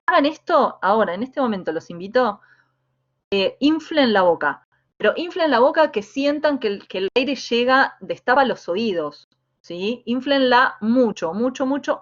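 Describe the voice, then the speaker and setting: A woman with a Rioplatense Spanish accent, teaching a voice workshop as a coach, talking in a lively, demonstrative way with many fillers and restarts. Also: mid-range voice, dull audio. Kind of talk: online workshop lesson. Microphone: video call.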